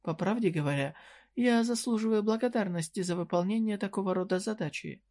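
For this audiobook character reading, the narrator voices a shrewd, sly, cheerful female dungeon merchant with a medium-pitched, slightly mellow voice pushed upward but still near everyday speech. She delivers it briskly in a raised voice, teasing and flirtatious while staying businesslike.

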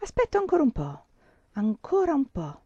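A woman puts on a deranged male addict from a dark storybook, murmuring and coaxing in a hushed voice that turns threatening. The sound is dull and dry, with no room around it. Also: high voice, wildly swooping pitch, moderate pace, no room sound, voice pushed up, full character voice. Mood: coaxing, menacing.

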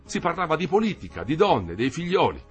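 A man reading a literary novel aloud with an expressive, dramatic delivery. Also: fairly high pitch, brisk, soft background music. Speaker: audiobook reader.

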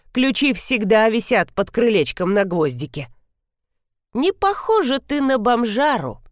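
A chatty old village woman, as a woman reader puts her on, speaks in a slow, folksy drawl full of dry mockery. The sound is close and dry, with no room around it. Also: medium pitch, dry recording. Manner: folksy, dryly mocking. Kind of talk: audiobook character voice.

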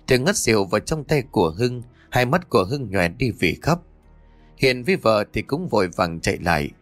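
A man's voice: fairly low pitch, no echo. A man narrating a scripted horror story as a dramatic storyteller. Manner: dramatic storyteller, voices every character.

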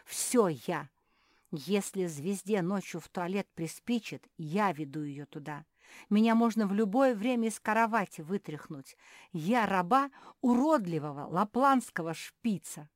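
A woman voicing an indignant, bossy female dog servant who shouts and scorns everyone in a storybook reading. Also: medium pitch, lively intonation, a little slow, no room sound, studio quality, pitched above the performer's own voice, close to an everyday voice. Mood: furious.

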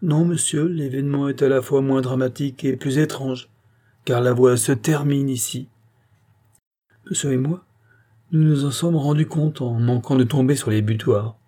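A man doing a precise, logical gentleman. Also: mid-range voice, fairly even intonation, normal speed, voice pushed up, lightly acted. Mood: explaining. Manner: precise, matter-of-fact. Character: calm logical middle-aged gentleman traveler.

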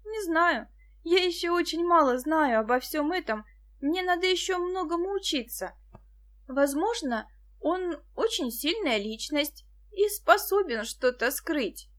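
Shy, earnest young girl read by a woman, high-pitched, audiobook style. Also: animated, measured pace, a bit bright, exaggerated voice. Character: young girl Musya, shy but firm.

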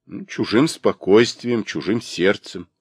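A man voicing an earnest, reserved young gentleman who speaks calmly and sincerely. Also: lowish voice, slightly rough, no room sound, studio quality, full character voice. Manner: calm, sincere, measured.

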